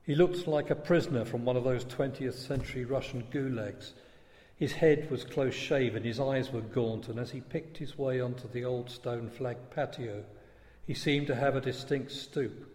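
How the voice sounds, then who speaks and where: A man giving a measured storybook reading. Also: mid-range voice, darkish tone. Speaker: narrator. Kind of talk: storybook narration. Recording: long reverb.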